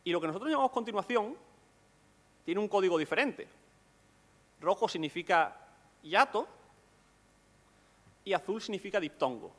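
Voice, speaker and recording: Male lecturer, fairly high voice, patient explainer, echoing hall sound. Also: animated, normal speed, pauses often. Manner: explanatory, asks rhetorical questions. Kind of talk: conference lecture.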